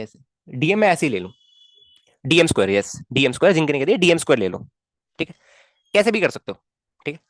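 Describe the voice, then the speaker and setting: A man teaches physics to students in a live online class. His voice swings up and down with lively pitch as he coaxes them, repeats himself and checks they follow. The sound is dry and close, with no room echo. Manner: coaxing, repetitive, checks in with students often.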